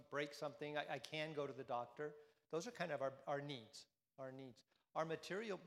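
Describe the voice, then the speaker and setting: A man's voice: on the high side, big-room sound. A man giving a conversational sermon to a congregation, often repeating phrases and asking them questions. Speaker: priest. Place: church.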